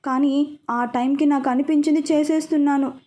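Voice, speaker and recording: A woman's voice: sits high, steady tone, fairly quick, dark tone, natural voice. A woman voicing an emotional, pouting young bride in a spoken story.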